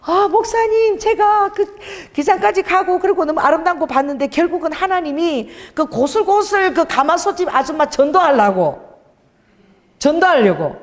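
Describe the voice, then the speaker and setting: A woman pastor voicing an earnest, childlike young evangelist who speaks in a breathless, excited way. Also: very high-pitched, moderate pace, voice pushed up. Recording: long hall reverb.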